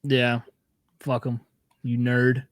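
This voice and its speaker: A man's voice: medium pitch, monotone, takes it slowly, dry recording. Offhand swearing young man, dry sound. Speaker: podcast co-host. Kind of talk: casual chat.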